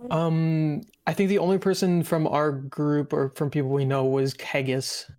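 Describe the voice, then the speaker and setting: A young man co-hosting a casual gaming podcast. He is excitable and swears casually. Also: on the high side, unhurried, no echo, studio quality. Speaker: podcast co-host.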